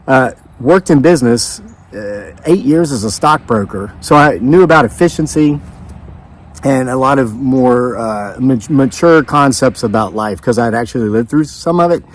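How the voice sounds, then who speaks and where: A man of fifty telling a rambling personal story in a casual, conversational way, with frequent asides to his viewers. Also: mid-range voice. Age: 50s. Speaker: channel host. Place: outdoors.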